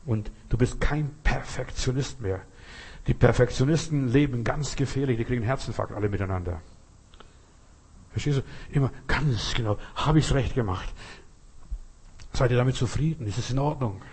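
A man with a mid-range, darkish, slightly rough voice preaches a sermon at a normal pace. He speaks straight to the listener, repeatedly asking "you understand?", and his voice suddenly rises for emphasis.

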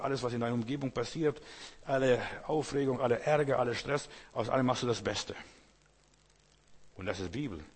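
Husky male preacher in reverberant hall. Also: mid-range voice. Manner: direct, addresses listener as du, emphatic repetition. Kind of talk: sermon.

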